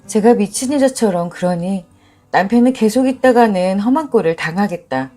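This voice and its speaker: A woman narrating a dramatic first-person story with an expressive, emotionally charged delivery. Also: mid-range voice, normal speed, faint music behind.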